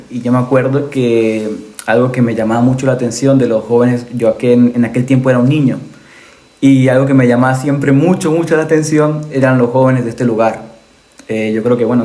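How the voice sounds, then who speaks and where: A young man hosts a relaxed podcast chat. He talks at a middle pitch, laughs easily and puts questions to his guests. The room around him rings with echo. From Venezuela. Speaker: podcast host. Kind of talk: casual chat. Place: Germany. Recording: roomy echo.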